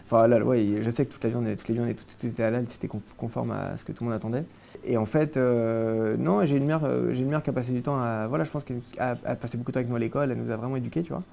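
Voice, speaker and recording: Quick, gravelly-voiced young man. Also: medium pitch, steady tone, mellow, a little hiss or hum. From France. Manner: hesitant, many restarts and fillers. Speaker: interview guest. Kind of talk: casual interview, recounting his childhood.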